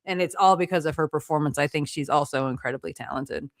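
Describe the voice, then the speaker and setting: Woman, smooth lowish voice, enthusiastic casual chat, dry close sound. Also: no echo. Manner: enthusiastic, chatty, quick agreeing replies. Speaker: podcast co-host.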